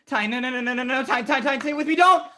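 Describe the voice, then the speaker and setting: A woman's voice: high voice, fast, pushed and bright. A woman acting an injured adult in a comic stage play, panicky, swearing and sarcastic. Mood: panicked.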